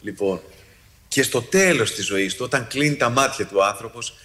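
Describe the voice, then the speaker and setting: Here a man who works as a psychologist spins a tale for listeners, full of restarts. Quoted speech comes with sudden leaps in his pitch, and his delivery stays lively.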